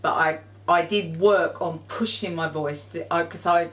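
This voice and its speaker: A woman's voice: on the low side, fairly even intonation. A woman in a casual interview, speaking in a direct, friendly way about her singing. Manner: direct, friendly, quick to agree. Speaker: rock singer, interviewee. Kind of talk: casual chat.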